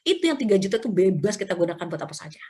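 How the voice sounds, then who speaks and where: A woman's voice: medium pitch, sing-song, racing, darkish tone. A woman teaching an Islamic study session in a chatty storytelling way, often acting out short quotes and adding tag fillers. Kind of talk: conversational religious study talk.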